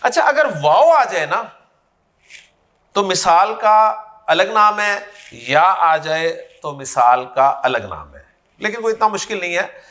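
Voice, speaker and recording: A man's voice: sits high, sing-song, a little slow, fairly bright tone. A man teaching a grammar class, who repeats key terms and quizzes his students by name.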